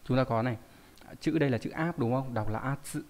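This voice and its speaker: A man's voice: medium pitch, a little fast, a little mellow. A man teaching a live online lesson, reading out viewer names and explaining word readings with frequent rhetorical questions. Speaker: Japanese teacher.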